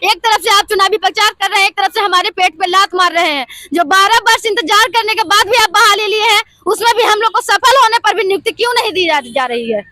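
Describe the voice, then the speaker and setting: A woman's voice: very high voice, a little fast, few pauses, background noise. A woman who is a protesting job candidate and a mother, pleading. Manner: pleading, aggrieved. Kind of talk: emotional protest interview.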